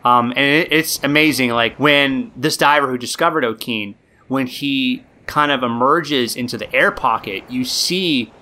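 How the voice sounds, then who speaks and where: A man with a bright, forward voice, co-hosting a podcast. He tells a story in a casual, animated way. His speech is packed with likes and ums. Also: mid-range voice, a little slow. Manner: animated, with many likes and fillers. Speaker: podcast co-host telling a story.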